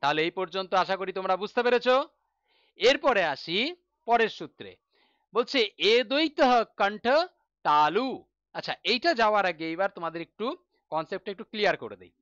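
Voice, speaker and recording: A man's voice: high-pitched, lively intonation, moderate pace, pauses often, a bit bright, no echo, lo-fi sound. A man teaching a Sanskrit lesson in a Bengali accent, patiently asking questions and answering them himself. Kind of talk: online lesson explaining on a board.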